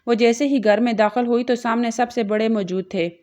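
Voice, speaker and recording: A woman narrating a romance novel in a steady storytelling read. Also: on the high side. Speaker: audiobook narrator.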